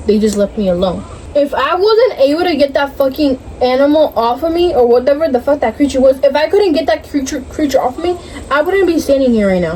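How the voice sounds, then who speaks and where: A woman's voice: a little high, dark tone, slight background noise, poor audio. A young woman casually telling a dream story in a hazy, puzzled way, groping for words and swearing often.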